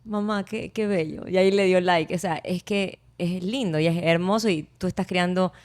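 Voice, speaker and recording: A woman hosting an interview podcast, talkative and quoting others in lively voices. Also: fairly low pitch, moderate pace. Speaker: podcast host. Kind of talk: conversational interview.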